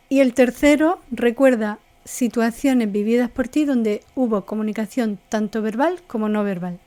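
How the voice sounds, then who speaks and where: A woman teaching an online coaching course as its instructor, explaining in a didactic way and listing items in short, measured phrases. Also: on the high side, dark tone, no room sound. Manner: acts out example tones of voice.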